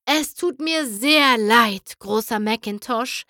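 A woman's voice: fairly high pitch, slow pace, pushed and bright, dry recording, clean studio sound. A woman reading a storybook, voicing a mischievous male chimera trickster with a theatrical, teasing manner. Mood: mock-humble.

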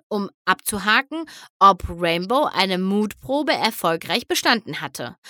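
A woman narrates a children's storybook in a bright, clear voice, taking her time over each phrase. Her pitch moves in lively, expressive arcs, and the recording is dry and close. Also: dry recording. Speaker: storybook reader.

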